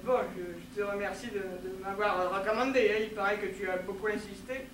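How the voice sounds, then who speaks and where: A man's voice: sits high, steady tone, brisk, noisy background, pitched below the performer's own voice, natural voice. An actor in a one-man stage show playing an eager, clumsy young man from the south who is new to a theatre troupe, chatty and nervous, swearing casually. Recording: echoey live stage from far off.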